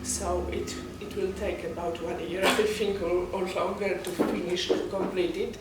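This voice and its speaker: A woman from Poland with a Polish accent and halting non-native English, talking about herself as an interview guest. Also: lowish voice, flat delivery. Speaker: guest, poet and novelist. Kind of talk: interview, personal account. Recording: very echoey, distant mic, noisy background.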